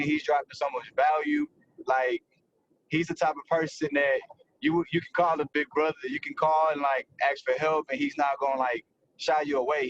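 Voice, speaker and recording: A man's voice: a little high, highs cut off, background noise. A man hosting a livestream, energetically hyping up his guests and filling his talk with "man" and "bro". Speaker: livestream host. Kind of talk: hype-filled livestream intro.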